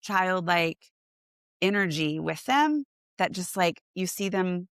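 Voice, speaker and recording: In a relaxed interview, a forties-aged portrait photographer animatedly mimics how thrilled her clients get. She speaks slowly in a lowish voice, and the studio-quality audio has no room sound.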